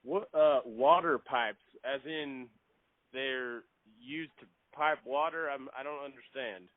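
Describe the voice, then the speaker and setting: A man making a phone call, polite and halting, often repeating his words. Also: mid-range voice, no echo. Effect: heard over a phone line. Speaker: prank caller. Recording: thin, dry phone line.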